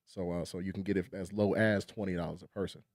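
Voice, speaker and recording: A man from England talks as a podcast guest, selling his trivia nights in a quick, chatty rush. His voice sits a little low, and his words come fast and loose with fillers. The recording is close and dry. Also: steady tone, no room sound. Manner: upbeat salesman patter with repeated fillers. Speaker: game show and trivia host.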